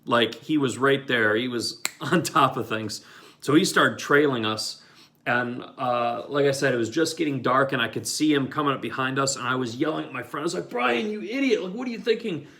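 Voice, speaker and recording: Bright-voiced man rambling through a story. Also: medium pitch, normal speed. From Michigan. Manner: rambling, many fillers and restarts, with acted-out quotes. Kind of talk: casual personal storytelling.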